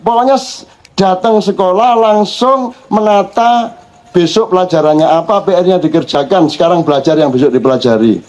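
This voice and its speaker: A man's voice: high-pitched, moderate pace. A man with a Javanese accent giving an informal religious-cultural talk to an audience, telling stories animatedly, joking and mimicking others. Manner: animated storytelling, mixing in Javanese words. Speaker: speaker addressing an audience.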